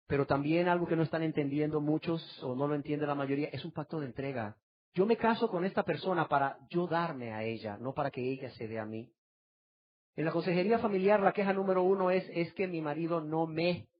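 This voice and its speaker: A pastor and family counselor preaching a sermon with emphasis, dropping to hushed asides and rising to loud outcries, asking many rhetorical questions. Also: medium pitch. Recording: dull lo-fi recording.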